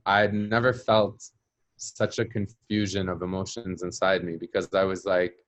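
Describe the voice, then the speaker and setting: Speaking as an interview guest, this man of the Palestinian diaspora, who has an American accent, reflectively shares a personal story, often using fillers as he searches for words. His low voice keeps a level tone at a moderate pace, with no echo present.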